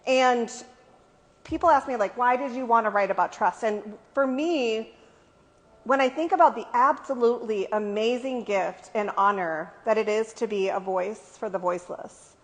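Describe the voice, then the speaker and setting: A woman's voice: fairly high pitch, measured pace, big-room sound. A woman author giving an earnest, conversational speech at her book launch party, with frequent ums, in front of an audience indoors. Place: indoor event venue with an audience.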